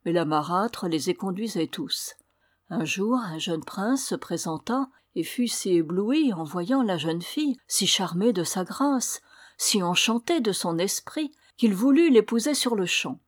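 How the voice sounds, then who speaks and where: A woman reads a fairy tale aloud, measured and even in her storytelling. Her voice has a middle pitch, and the recording is dry and close. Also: no room sound. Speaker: narrator.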